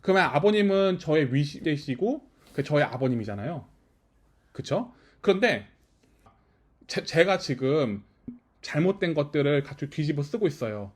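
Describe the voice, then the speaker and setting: A man's voice: a little high, big pitch swings, normal speed. A man preaching as pastor at a small house-church service, talking it through with the listeners and often checking that they follow. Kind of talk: conversational sermon.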